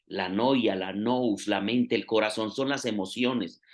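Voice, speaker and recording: A man's voice: lowish voice, fairly even intonation, measured pace. A man preaching a sermon, explaining step by step and stressing key phrases.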